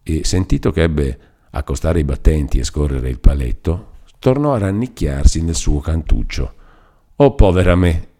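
Man, low voice, warm dark tone, expressive narration, audiobook. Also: moderate pace, husky. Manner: expressive storytelling. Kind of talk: scripted narration of a classic novel.

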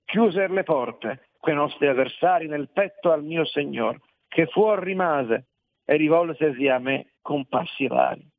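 A man reciting classic verse in a measured, solemn way. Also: on the high side, lively intonation. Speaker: reader. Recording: tinny narrow-band dry recording.

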